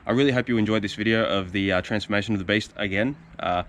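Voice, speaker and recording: A man's voice: fairly low pitch, fast, fairly bright tone, slight background noise. A young man vlogging casually from his driveway, rambling and openly emotional, with many restarts. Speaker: car vlogger. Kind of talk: casual vlog to camera. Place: home driveway, outdoors.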